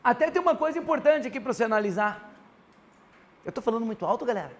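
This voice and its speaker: A man with a Brazilian Portuguese accent teaching a grammar class, animated and constantly prompting his students to answer. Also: very high voice, fast.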